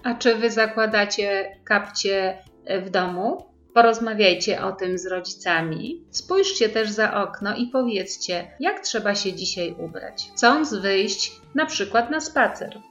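Woman reading to small kids, slow, gentle, echoey room, muffled sound, soft music. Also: mid-range voice. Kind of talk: reading a story aloud to children. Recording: roomy, dull sound with faint music.

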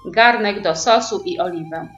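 A woman's voice: medium pitch, normal speed, dull audio, close to an everyday voice. A woman reading a storybook voices a patient, mildly flustered father in a slightly raised, earnest, coaxing voice, in a roomy recording with faint music.

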